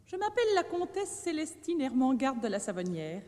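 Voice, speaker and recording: A giddy, flirtatious noble widow, her swooping high voice full of affected coyness. in a 1960s radio operetta, with long studio reverb around every line. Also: sing-song, brisk, dark tone. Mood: coy. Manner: coquettish, sing-song, affected.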